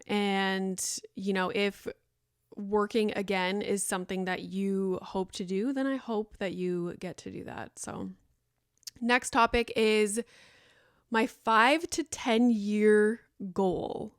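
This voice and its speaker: Woman in her thirties, solo podcast host, chatty and rambling, smooth clear voice, dry close mic. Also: medium pitch, steady tone, takes it slowly, dry recording. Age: 30s. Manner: chatty, rambling, fillers and "like" throughout.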